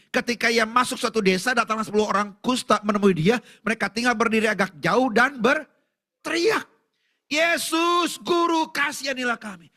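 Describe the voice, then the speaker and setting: A male pastor with an Indonesian accent, preaching a sermon at a church service in an animated way, asking the congregation questions and shouting out prayers. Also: high-pitched.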